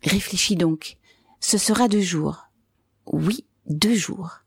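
A woman's voice: fairly low pitch, takes it slowly, slightly rough, no echo, studio quality, heavily acted. Vessovtchikov, a woman doing a fervent young man. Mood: eager urgent. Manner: excited, insistent. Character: eager pockmarked young man, fervent plotter.

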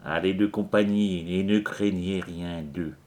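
Man reading a demon chief of hell, scheming, falsely polite, commanding, slow, low voice. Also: fairly even intonation, a little mellow.

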